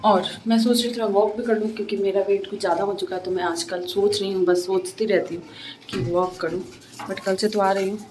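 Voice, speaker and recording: A woman's voice: medium pitch, steady tone, a little fast, darkish tone, a little hiss or hum, rough recording. A young woman chatting to her viewers in a casual home vlog, filmed on a phone. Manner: chatty, talks straight to viewers. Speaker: vlogger. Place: home and rooftop, indoors and out.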